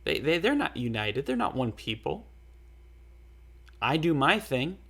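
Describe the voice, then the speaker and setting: Man, casual lecturer, unhurried and rambling, repeats himself, mid-pitched. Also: sing-song, fairly bright tone, slightly rough. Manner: rambling, repeats words, many fillers.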